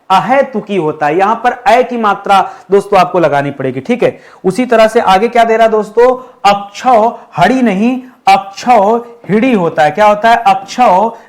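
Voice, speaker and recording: Guy teaching hindi spelling online, kinda high voice, keeps asking what's right and repeats words slow. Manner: repetitive quizzing with rhetorical questions, addresses viewers as friends; says words slowly and spells them out. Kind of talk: online exam-prep lesson.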